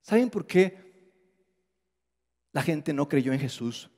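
A man with a high-pitched voice delivers an animated sermon. He acts out quoted voices and drops to a hushed low register for emphasis. His voice rings with the long reverb of a church hall. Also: slow. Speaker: pastor.

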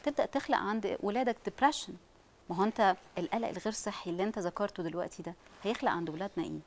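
A woman with an Egyptian Arabic accent speaking as a parenting specialist on a studio talk show, animated and acting out what parents say. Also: medium pitch, racing.

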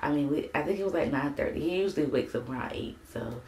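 A young woman vlogging casually to camera as a parenting vlogger, chatty and loose with plenty of "like" and "um", her voice still a little rough from the morning. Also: low-pitched, fast, dark tone. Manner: chatty, loose, full of "like" and "um" fillers. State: a bit of morning voice. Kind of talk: casual vlog chat to camera. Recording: echoey room, faint background noise.

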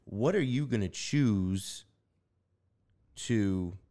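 A man's voice: fairly low pitch, lively intonation, very slow, mellow. A man hosting a podcast in a studio, talking in a loose, reflective way with lots of fillers. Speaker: podcast host. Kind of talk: casual chat.

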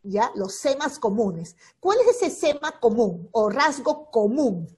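A woman's voice: on the high side, sing-song, takes it slowly, darkish tone. A woman teacher giving an online lesson on a video call, patiently repeating key points and checking in constantly with her students. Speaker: secondary school teacher. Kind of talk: online class explanation.

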